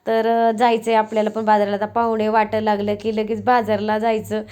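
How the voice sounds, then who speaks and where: A woman's voice: medium pitch, completely flat delivery, a little fast, darkish tone, smooth. A young woman, chatting homely and straight to her viewers as she narrates her vlog. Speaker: vlogger.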